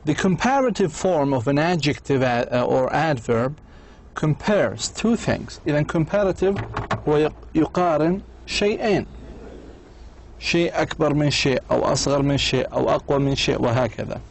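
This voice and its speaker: Male lecturer, unhurried delivery, a touch of fry in the voice, patient teaching tone. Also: a little high, expressive. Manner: slow, explains in Arabic with English examples. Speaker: university English lecturer. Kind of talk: distance-learning lecture.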